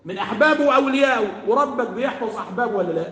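A man's voice: extremely high pitch, animated, racing, a crowd in the background. A man with an Egyptian Arabic accent giving a religious lesson to a live audience, asking questions and letting his listeners finish his sentences. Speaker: religious teacher. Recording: echoey hall.

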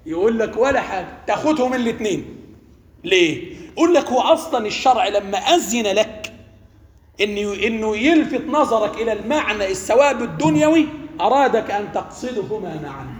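A man's voice: high-pitched, expressive, brisk, slight background noise. A man with an Egyptian accent giving an interactive religious lesson, asking questions and letting the class finish his sentences. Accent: Egyptian Arabic. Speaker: religious teacher. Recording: echoey hall with faint ambience.

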